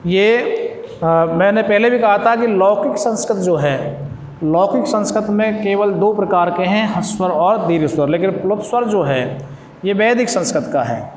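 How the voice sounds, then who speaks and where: A man teaching a school lesson, speaking slowly and repeating phrases as if dictating notes. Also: high voice. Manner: slow, repetitive dictation pace. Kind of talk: classroom lesson. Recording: echoey classroom with long reverb, faint noise.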